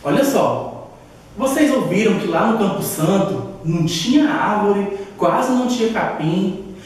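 A woman teacher telling a story to young children, expressive and addressing them directly. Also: mid-range voice, unhurried. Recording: echoey room, far from mic, faint music.

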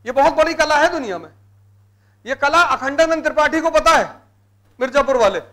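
Emphatic high-voiced Hindi-speaking teacher. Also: male voice, animated, a little fast, pushed and bright. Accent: Hindi, North Indian. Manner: emphatic, repeats key words, mixes in English terms. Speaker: civil services exam teacher. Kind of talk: motivational classroom lecture. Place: live classroom session.

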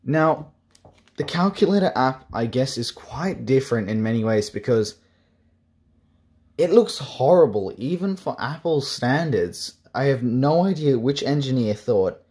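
A man's voice: medium pitch, expressive, a little slow, darkish tone. A young man casually reviewing an old device, with sarcastic jokes and offhand asides. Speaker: tech reviewer. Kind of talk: casual tech review vlog.

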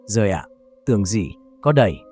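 A man voicing a gentle, nostalgic elderly village grandmother in a read-aloud horror story, soft-spoken and homely. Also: lowish voice, very animated, normal speed, faint music behind.

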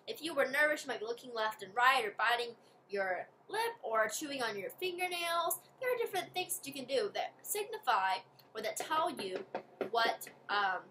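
A woman's voice: a little high, sharp tone, slight background noise. A woman teacher giving a read-aloud reading lesson to children, explaining step by step in a friendly way.

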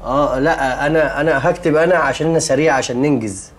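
A man's voice: fairly high pitch, quick pace, natural voice. An actor in a comedy series playing a flustered young man with an Egyptian accent who grows exasperated. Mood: calm, polite. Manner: exasperated, rising to shouts. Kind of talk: sitcom acting.

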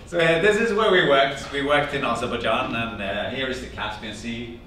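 In a classroom-sized meeting room with a projector screen, a Norwegian man in his fifties tells a small audience a personal story with lots of energy, quoting family conversations and gesturing. His voice is mid-range, his pace moderate, and his accent Norwegian. There's no visible mic, only a distant camera, so the recording is echoey with background hum.

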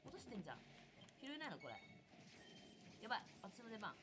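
A young woman chatting casually through a live game stream, excitable and talkative, yelping and shouting at what happens on screen. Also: a little high, quick pace, over music. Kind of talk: casual live gameplay commentary.

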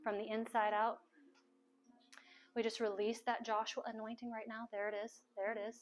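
Soft-spoken woman minister praying over people. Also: a little high, flat delivery, normal speed. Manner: soft-spoken, coaxing prayers, repeats phrases. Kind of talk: prayer ministry at a house meeting. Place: large living room full of people.

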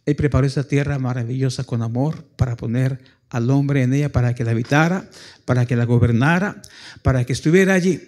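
Man preaching with sudden loud rises. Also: mid-range voice, a little fast. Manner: calls listeners "hermanos" and asks for amen. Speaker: pastor. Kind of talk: sermon. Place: church.

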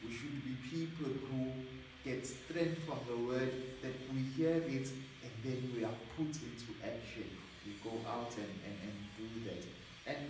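A middle-aged priest gives an earnest, measured talk, often repeating small words as he gathers his thoughts. His voice sounds distant from the camera and bounces around a very echoey small study, with a faint hiss underneath. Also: medium pitch. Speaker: assistant parish priest. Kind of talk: sermon preparation talk. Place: small study with bookshelves, indoors. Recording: echoey room, voice from far off.

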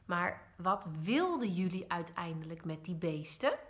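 A woman doing a calm, practical dad. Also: fairly low pitch, a little slow.

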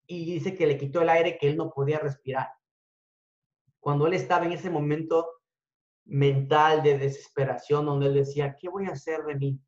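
A man giving a motivational talk to an audience, telling a story in an animated way that swings between loud and hushed. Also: medium pitch. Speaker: speaker at a business talk. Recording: echoey room, dull lo-fi sound.

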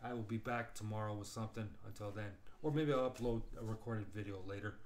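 A man hosting his gaming channel, chatting casually and thinking aloud as he plays, his voice slightly hoarse. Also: fairly low pitch, steady tone, quick pace, darkish tone, a little hiss or hum. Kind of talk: casual gameplay commentary.

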